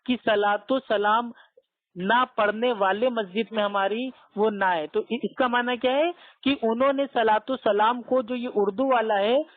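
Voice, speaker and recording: A man's voice: high voice, steady tone, a little slow, dry recording. A man talks steadily through a tinny, phone-like line, his voice dry and close with no room around it. He argues his case patiently, stacking up simple everyday examples to make his point. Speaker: debater questioning the other caller. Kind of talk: religious debate over a phone call.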